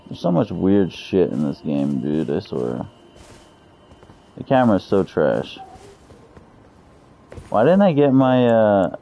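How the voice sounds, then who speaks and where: A man in his thirties chats loosely with viewers while he plays, swearing often. His voice sits very low. The stream audio is a bit dull and lo-fi. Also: creaky, slight background noise. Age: 30s. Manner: profane, loose, chatty with viewers. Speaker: game streamer. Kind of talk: casual live-stream chat.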